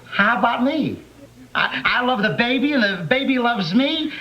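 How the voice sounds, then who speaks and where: An actor playing a naive, nervous young man who stammers and rushes, eager to prove he can babysit. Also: very high voice, animated. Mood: eager, flustered. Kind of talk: 1960s sitcom acting. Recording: dull old TV audio with hiss and studio audience.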